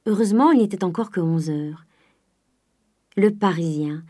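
A woman narrating a classic novel as a scripted audiobook, measured and at times dropping to a soft near-whisper. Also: on the low side.

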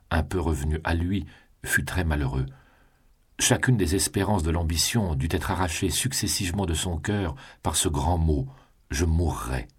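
A man narrating a classic novel in a calm, measured reading voice. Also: low voice, breathy edge. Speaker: audiobook narrator.

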